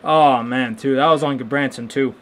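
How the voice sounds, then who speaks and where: A young man hosting a live hockey watchalong, reacting casually and excitedly with lots of restarts and stunned exclamations. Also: mid-range voice, normal speed. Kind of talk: casual live game commentary.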